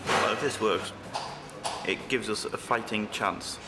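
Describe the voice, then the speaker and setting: A man from a technical team speaks plainly about the state of things. His voice is low and his manner dryly understated, with background music. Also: measured pace. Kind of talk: plain-spoken technical assessment.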